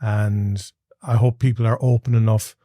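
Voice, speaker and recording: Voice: mid-range voice, flat delivery, normal speed, dark tone, no echo, clean studio sound. A podcast host with a west of Ireland accent from Galway, speaking casually in an interview.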